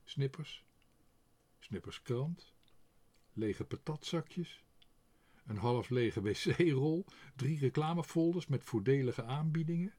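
A man narrating a children's storybook in an expressive, animated way. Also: medium pitch, slow, pauses often. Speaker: audiobook narrator.

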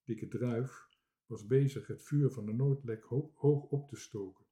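Male reader for a children's story, slow, warm-toned delivery. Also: mid-range voice. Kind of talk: reading a children's book aloud.

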